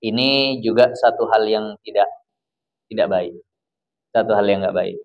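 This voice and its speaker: A man from Indonesia with a Medan accent, giving a chatty, informal religious lecture to a congregation. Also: dull audio. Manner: chatty, acts out quoted spouses in a lowered voice. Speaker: religious teacher. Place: study gathering hall.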